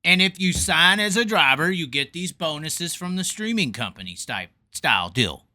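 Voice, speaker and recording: A sprint car racing call-in show host, a man with a voice on the high side, speaks at normal speed. He's animated and fired up, repeating himself emphatically as he trades casual opinions with callers.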